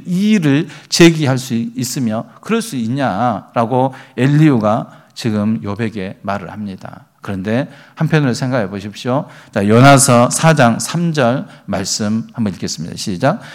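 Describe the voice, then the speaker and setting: A man preaching a sermon as pastor, reading scripture aloud and building emphasis. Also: mid-range voice.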